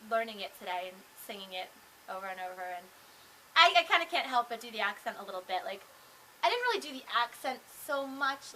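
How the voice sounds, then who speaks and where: A woman's voice: medium pitch, pushed and bright, a little hiss or hum, rough recording. A young woman chatting casually to camera as a vlogger, rambling with lots of fillers and restarts. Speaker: vlogger and singer.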